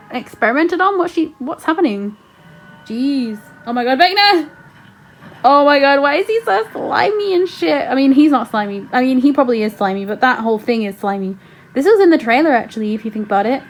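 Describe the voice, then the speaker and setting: A woman reacting to a show in casual commentary, excitable and full of slang and swearing. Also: a little high. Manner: excitable, exclaiming, slangy and profane. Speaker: reaction video host.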